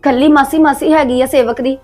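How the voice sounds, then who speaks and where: A woman's voice: sits high, fairly even intonation, fairly quick, a little mellow, faint music behind, close to an everyday voice. A woman playing a wife in a family drama, speaking in an urgent, pleading way. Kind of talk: Punjabi family web drama acting.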